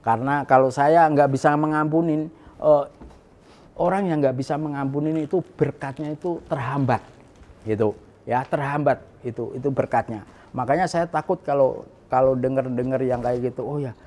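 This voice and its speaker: A man's voice: medium pitch, normal speed. Chatty middle-aged man telling a story. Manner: chatty, repeats himself, lots of fillers and soft laughs. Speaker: guest sharing his testimony. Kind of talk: casual storytelling.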